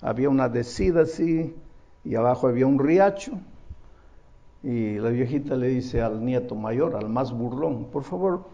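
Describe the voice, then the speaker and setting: A man's voice: medium pitch, moderate pace, creaky, mellow, lo-fi sound. A man preaching a sermon as a pastor, telling stories and asking the congregation rhetorical questions.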